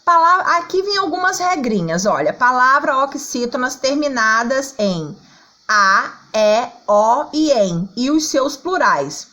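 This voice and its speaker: A woman's voice: sits high, big pitch swings, slow, sharp tone, rough recording. A woman teacher with a Brazilian accent, patiently explaining a lesson to schoolchildren and singing out syllables to show the stress. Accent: Brazilian Portuguese. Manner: checks in often with "tá?" and "ó".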